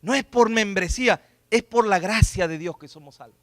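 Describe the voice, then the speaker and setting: A middle-aged pastor delivers a sermon in a high, ringing voice. The sound is close and dry, with little room echo. He drops to near-whispers for personal stories and then rises to forceful, emphatic declarations. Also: moderate pace. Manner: swings from hushed personal storytelling to loud emphatic preaching. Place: church sanctuary.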